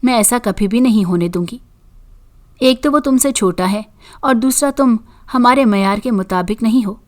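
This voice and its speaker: A woman's voice: fairly high pitch, normal speed, a little mellow, lightly acted. A woman voicing a stern, angry middle-aged mother who scolds sharply in a storybook reading.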